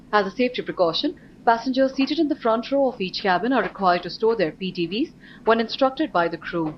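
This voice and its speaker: A woman with an Indian accent making a formal cabin crew announcement over an aircraft public-address loudspeaker. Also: mid-range voice. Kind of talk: scripted in-flight announcement. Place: aircraft cabin in a flight simulator. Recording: muffled distant PA with faint noise.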